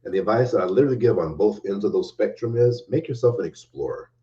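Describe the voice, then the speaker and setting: A guest developer advocate on a casual podcast gives earnest, emphatic advice, repeating key phrases. His voice is on the low side, mellow and expressive, with a quick pace, and the audio is dull and recorded from a distance.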